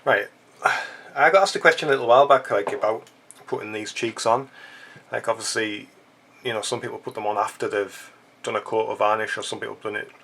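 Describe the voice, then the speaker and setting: With a congested nose, a man hosting a fly-tying channel demonstrates a fly in a tutorial, talking chattily and tossing in jokes while he works. His lowish voice is steady in tone and a little bright, his pace brisk, with a bit of hiss or hum in the audio.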